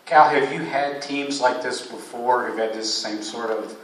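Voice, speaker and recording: Reporter asking from far across an echoey room. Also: male voice, mid-range voice, fairly even intonation, a little slow, a bit bright. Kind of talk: press conference question. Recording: very echoey room, distant, faint room noise.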